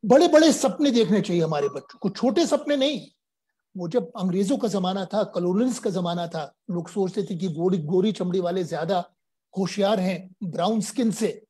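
An older man from Uttar Pradesh answers interview questions as a guest in an earnest, explanatory way, now and then switching into English phrases. His voice is mellow and dark-toned, with a husky, slightly rough edge. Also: high-pitched, normal speed. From India, Uttar Pradesh. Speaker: guest science popularizer.

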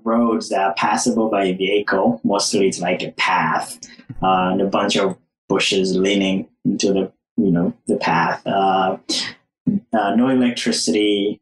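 A young man from Uganda, a podcast guest, answering in a casual, hesitant way with many fillers and restarts. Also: lowish voice. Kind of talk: casual interview. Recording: roomy echo.

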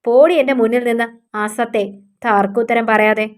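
A woman voicing a harsh, scornful husband who shouts insults at his wife. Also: fairly high pitch, steady tone, normal speed, close to an everyday voice. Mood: angry scolding. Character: harsh scornful husband, middle-aged man.

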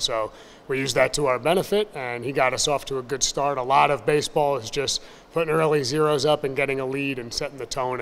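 Brief: man in his thirties, baseball coach at a postgame presser, steady and upbeat, table mic, reverberant room with faint noise. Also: mid-range voice. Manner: measured, upbeat, plain-spoken with fillers. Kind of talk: postgame press conference answers. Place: press room in front of a sponsor backdrop. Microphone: table mic on a stand.

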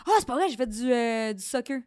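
A woman's voice: a little high, animated, brisk, a little mellow, clear, resonant tone, dry recording. Laughing Québécois woman, dry close sound. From Quebec. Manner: laughing, self-mocking storyteller. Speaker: guest. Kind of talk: casual podcast chat.

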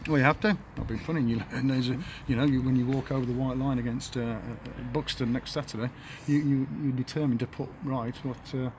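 A man in his fifties, an English football manager, giving a halting post-match interview outdoors by the pitch, full of fillers and restarts. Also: fairly even intonation. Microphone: handheld camera at close range. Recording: outdoor noise behind.

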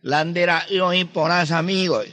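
A man spinning rambling comic jokes with a partner, slipping into Guarani. His voice is bright and slightly high, and a long reverb trails behind it. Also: fairly even intonation, fairly quick. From Paraguay. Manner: rambling comic storytelling mixing Spanish and Guarani. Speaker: comic joke teller.

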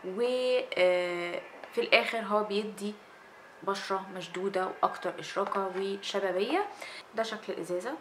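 A woman's voice: mid-range voice, moderate pace, background noise. A young woman in her twenties with an Egyptian Arabic accent, chatting casually in a skincare product review and gesturing with her hands as she talks. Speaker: beauty vlogger. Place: small indoor room with fairy lights.

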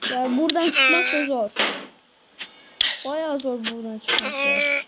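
A woman's voice: high-pitched, takes it slowly. A woman giving casual gameplay commentary, exasperated and scolding her game character. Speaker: gaming channel host. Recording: loud background noise.

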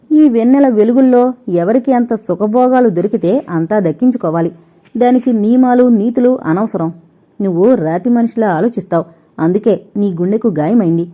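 A woman voicing an arrogant, scornful rich young woman who talks in quick, cutting bursts, on a dull lo-fi recording. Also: medium pitch, mellow, lightly acted.

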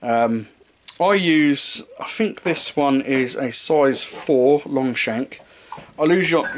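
Speaking in a mid-range voice with slight hiss or hum, this twenty-something fishing vlogger walks the camera through his tackle from a small room with a striped curtain, the camera mic close by. He's casual and meandering, often fixing his own sentences partway and joking lightly about his knots and lighting.

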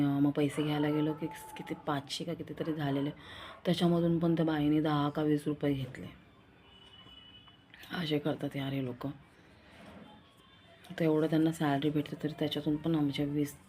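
A woman's voice: low-pitched, level tone, normal speed, long pauses, dark tone, a little hiss or hum. A young woman with a Marathi accent chatting in a rambling, confiding vlog style, repeating herself as she talks. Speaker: vlogger. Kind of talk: casual vlog chat.

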